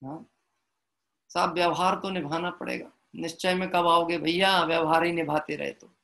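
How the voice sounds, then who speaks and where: Bright high-voiced man preaching a sermon. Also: steady tone, gravelly. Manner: engages listeners with rhetorical questions, chants verses slowly. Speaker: Jain preacher. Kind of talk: devotional sermon with storytelling and verse recitation.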